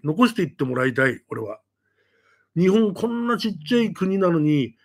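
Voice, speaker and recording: A man with a high voice that swings widely up and down, telling ghost stories and addressing his audience in an animated announcement. He talks casually and keeps throwing rhetorical questions at his listeners.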